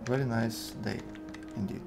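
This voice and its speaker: A man in his twenties with a Russian accent, thinking aloud in halting fragments as he gives casual live game commentary. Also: medium pitch, fairly even intonation, gravelly. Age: 20s. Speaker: game streamer. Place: indoor room at a computer. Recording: music behind the voice. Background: music, keyboard typing.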